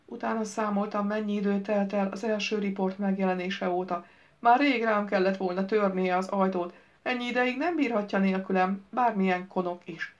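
Woman audiobook narrator, wry and brisk, middle pitch, slightly dull lo-fi sound. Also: steady tone. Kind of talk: first-person novel reading.

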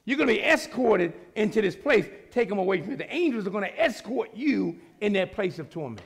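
Male pastor, high-pitched and gravelly, preaching with big shouts and sudden quiet drops. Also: sing-song, fairly quick. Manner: call-and-response preaching, shouting at peaks then dropping low. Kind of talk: sermon. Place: church sanctuary.

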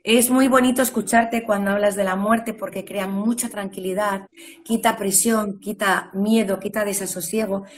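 A woman hosts a casual conversation at a middle pitch, asking gentle questions and agreeing often. A faint hiss of noise sits behind her voice. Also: fairly even intonation, moderate pace. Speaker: interviewer. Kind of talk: casual chat.

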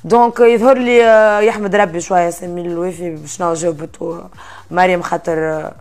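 A woman's voice: lowish voice, fairly quick. A woman in her thirties with a Tunisian accent, chatting as an interview guest and slipping in French phrases between laughs. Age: 30s. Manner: lively, mixes in French phrases, laughs often. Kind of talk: casual interview chat. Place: indoor studio set with armchairs.

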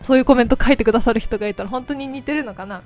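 A woman's voice: on the high side, rapid-fire, a little mellow, faint music behind. A woman hosting a game channel, chatting casually and a little bashfully to viewers. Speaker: host of a mobile game channel.

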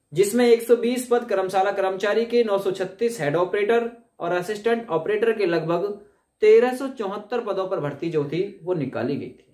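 A man in his 20s from India, an exam coaching teacher and presenter, speaks to camera in an emphatic, conversational style like an informal coaching teacher. His voice sits high and is a little mellow, and the room sound is echoey.

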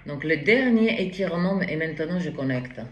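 A woman's voice: deep voice, expressive, normal speed, echoey room, very noisy. A woman giving a spoken tarot reading, hesitant and rambling, with frequent restarts and interjections. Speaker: tarot reader.

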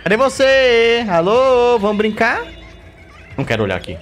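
A man with a Brazilian Portuguese accent doing let's play commentary, jumpy and swearing, with bursts of squeaky baby talk. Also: a little mellow, a little hiss or hum. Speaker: gameplay streamer.

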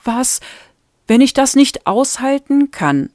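A woman's voice: medium pitch, expressive, very slow, dry recording, clean studio sound. A woman reading a fan-made audiobook, voicing an anxious, unsure young woman in a raised, pleading tone.

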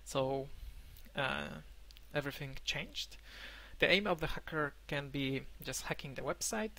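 Slow, halting man giving a tech talk. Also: mid-range voice, gravelly, pushed and bright. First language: Polish. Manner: halting, many fillers and restarts. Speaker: conference speaker. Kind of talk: online conference talk. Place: indoor room, remote talk.

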